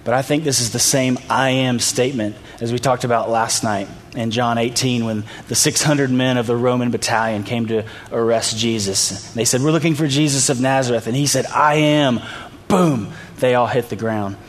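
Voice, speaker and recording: A man preaching a sermon, retelling a story in a relaxed, conversational way and briefly acting out the people in it. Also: mid-range voice, moderate pace, a little hiss or hum. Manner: conversational storytelling, acts out quoted voices. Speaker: pastor. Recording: reverberant hall, faint ambience.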